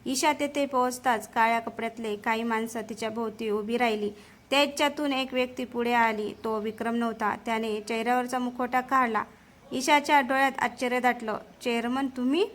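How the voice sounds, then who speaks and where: A woman's voice: on the high side, steady tone, fairly quick, fairly bright tone. Woman narrating a suspense story. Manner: dramatic, suspenseful reading.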